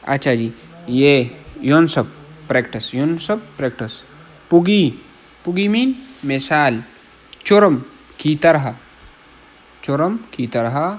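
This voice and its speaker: With a medium-pitched, lively voice, a man from Pakistan leads an informal lesson on Korean words. He pronounces each term, repeats it, gives its Urdu meaning, and regularly confirms his listeners understand.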